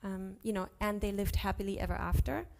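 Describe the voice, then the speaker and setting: A woman teaching a class on Sanskrit scripture, chanting verses slowly and correcting herself aloud as she goes. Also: medium pitch, vocal fry, a little mellow. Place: ashram class.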